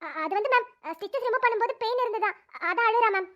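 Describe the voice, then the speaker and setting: An anxious young female student in a cartoon, put on by a woman pleads and apologises. Her voice is shrill and very high. She talks fast and gets flustered. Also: expressive, highs cut off. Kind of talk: cartoon voice acting.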